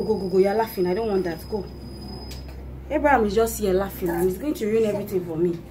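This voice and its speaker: A woman's voice: mid-range voice, dark tone, slight background noise. A woman with a Nigerian accent chatting casually as a prank vlogger to viewers and family.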